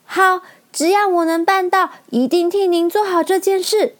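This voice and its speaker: A woman doing a timid little girl, very high. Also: fairly even intonation, moderate pace. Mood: hopeful. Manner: stammering, quavering, pleading. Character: frightened young girl, timid but hopeful.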